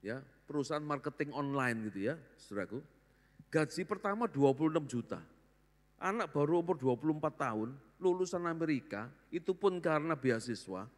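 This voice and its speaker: An older pastor, his voice sitting a little high for a man, preaches with lively, jokey energy and acts out the people he talks about. He is recorded in a large church hall, and his words ring on in a long reverb. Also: fairly quick. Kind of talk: sermon.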